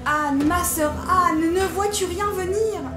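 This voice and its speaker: A woman's voice: extremely high pitch, slow pace, pitched above the performer's own voice. A woman voicing a terrified young wife who pleads and cries out for help in a storybook reading. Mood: pleading. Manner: pleading, frightened. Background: music.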